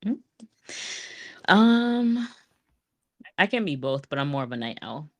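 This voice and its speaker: A woman's voice: low voice, big pitch swings, slow. A woman being interviewed in a casual podcast chat, playful and blunt, laughing often. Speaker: podcast guest.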